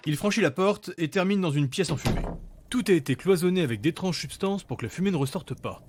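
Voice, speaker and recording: A man's voice: on the high side, lively intonation, brisk, background noise. A man reading scripted narration for a fantasy audio story.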